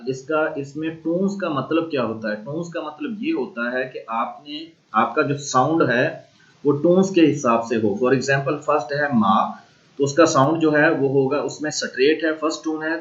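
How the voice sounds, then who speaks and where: A man with a Pakistani accent giving a recorded university lecture, explaining slowly and repeating sounds aloud to model them. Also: fairly high pitch, highs cut off. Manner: slow, repetitive explaining, modeling tones aloud. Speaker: language teacher.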